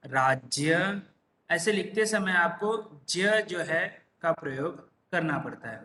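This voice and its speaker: Slow, high-voiced man teaching in an echoey room. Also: pushed and bright, a little hiss or hum. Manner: patient, repeats examples one word at a time. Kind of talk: slow classroom explanation.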